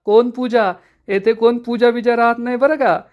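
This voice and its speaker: Narrator doing a brash gossipy young woman, loud and nosy, pokes fun at people with no filter, middling pitch, retold serial scene. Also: steady tone, moderate pace, phone-quality sound, natural voice. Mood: brash teasing. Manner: teasing, blunt and nosy.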